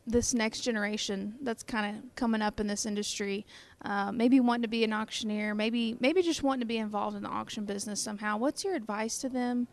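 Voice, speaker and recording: An American woman interviewer with a fairly high voice and noticeable vocal fry. She speaks conversationally and upbeat, as the host of a show. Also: steady tone, fairly quick. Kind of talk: broadcast interview.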